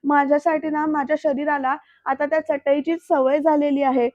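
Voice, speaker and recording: A woman's voice: high-pitched, level tone, moderate pace, dry recording, close to an everyday voice. A woman voicing a shy, simple young village woman who pleads hesitantly, on a dull, dry recording. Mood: pleading.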